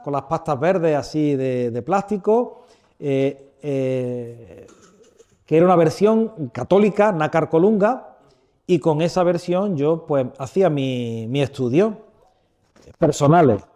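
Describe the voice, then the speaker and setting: His voice is a little high and warm, with lively intonation and a measured pace. The speaker, an Andalusian man in his fifties, leads a church workshop with a loose, funny sermon to a live audience via a handheld or stand microphone, often turning questions on the crowd.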